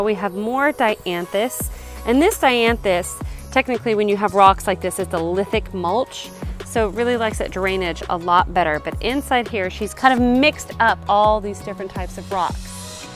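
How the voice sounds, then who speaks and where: Soft music plays in the background as a woman with a mid-range voice and moderate pace shows viewers around a garden outdoors. She keeps it casual and upbeat, explaining as she walks, filming selfie-style on a handheld camera.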